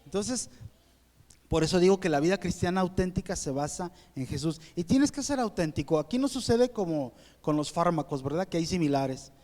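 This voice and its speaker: A man's voice: high-pitched, animated, normal speed, a little mellow. A man with a Mexican accent preaching a sermon to his congregation in a church auditorium, talking conversationally and often checking that they agree. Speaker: pastor. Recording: long reverb of a church hall.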